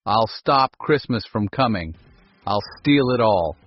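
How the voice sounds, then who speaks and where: A man voicing a grumpy male creature's grumbling in a storybook, husky and low, over a dull recording with faint music. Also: expressive, takes it slowly. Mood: scheming.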